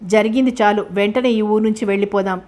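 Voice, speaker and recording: A woman's voice: mid-range voice, steady tone, a little fast, darkish tone, natural voice. A woman voicing an anxious, scolding middle-aged mother with a harsh manner, in a storybook reading.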